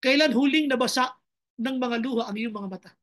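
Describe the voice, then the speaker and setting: A woman's voice: a little high, a little fast, fairly bright tone. A woman pastor preaching a sermon with passion. She switches between two languages and breaks into dramatic cries to God.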